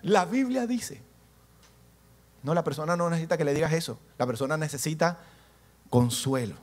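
A man with a fairly high voice gives an interactive church teaching, firing questions at the congregation. He moves from bold, rising calls down to soft, tender passages as he acts out little scenes. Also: quick pace. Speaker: pastor.

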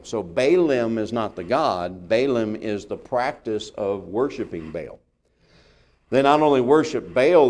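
A man teaching a Bible lesson in a casual, joking way, laughing often. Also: medium pitch. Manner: lively, laughs often, jokes with the room.

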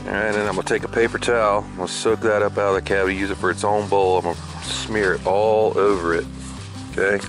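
Cooking outdoors at a campsite fire pit, this Florida host narrates each step casually and chattily, with plenty of fillers. He's a fast talker with a lowish voice, the recording is rough, and music runs under him.

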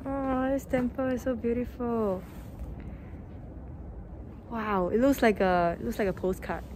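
A woman's voice: on the high side, steady tone, measured pace, darkish tone. A young woman, chatting upbeat through a face mask as a travel vlogger on busy city streets. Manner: chatty, upbeat, thinking aloud. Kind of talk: casual vlog chat. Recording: outdoor street noise. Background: street and traffic noise.

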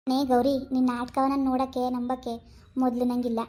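A woman's voice: high voice, level tone, dark tone. A woman voicing a harsh older village mother in a cartoon, scornful and scolding. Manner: scornful, scolding, rapid rural talk. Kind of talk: cartoon voice acting.

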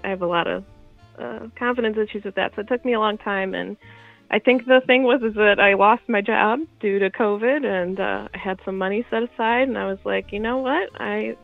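A woman in her twenties phones in to a show, nervous and giggly, with a soft-spoken, gravelly voice. The call audio sounds dull and lo-fi, with faint music behind her. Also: mid-range voice. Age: 20s. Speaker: caller. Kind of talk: phone-in conversation.

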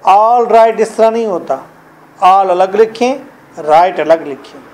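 A middle-aged man with a Pakistani accent teaches an English grammar lesson in a classroom, drilling rules and quizzing his students. His voice is high-pitched and a little mellow, and he takes it slowly.

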